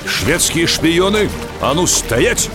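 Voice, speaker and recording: A man playing a gruff, suspicious tsarist soldier in a radio adventure drama, barking orders in folksy old-fashioned speech. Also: fairly high pitch, very animated, takes it slowly, over loud music. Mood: stern, suspicious. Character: gruff, suspicious soldier of Peter the Great's guard.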